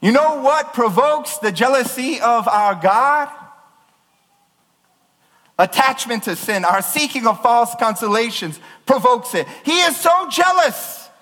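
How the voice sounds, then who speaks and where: Impassioned high-voiced preacher in echoing church. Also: male voice, lively intonation, unhurried. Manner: impassioned, emphatic preaching that sounds like yelling. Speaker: pastor. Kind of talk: sermon.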